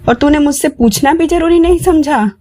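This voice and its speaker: A woman's voice: sits high, normal speed, dark tone, pitched above the performer's own voice, natural voice. A woman voicing a harsh older mother-in-law who taunts and scolds in a raised voice. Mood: scolding.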